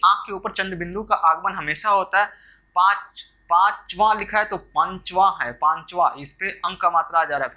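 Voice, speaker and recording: A man's voice: sits high, sharp tone. A man teaching correct Hindi spelling for exam preparation, going through words one at a time with frequent fillers and restarts. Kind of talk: exam-prep spelling lesson.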